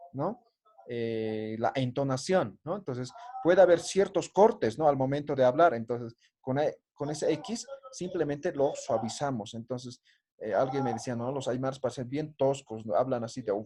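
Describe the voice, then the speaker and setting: A man's voice: mid-range voice, a little mellow. A man teaching an online language class, patiently drilling greetings and often ending phrases with a questioning "¿no?".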